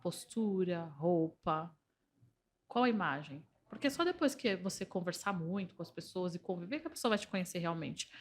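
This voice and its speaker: A woman's voice: on the low side, moderate pace. Persuasive Brazilian woman telling stories. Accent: Brazilian Portuguese. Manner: animated, persuasive, tells anecdotes. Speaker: entrepreneur and organizational systemic therapist. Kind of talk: podcast conversation.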